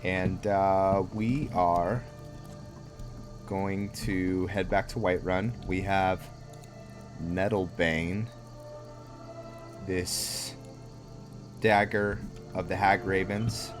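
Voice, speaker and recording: A low-voiced man hosts a roleplay series, offering casual commentary on the gameplay. He thinks aloud, rambling and musing, and his thoughts often trail off. Game music plays behind him.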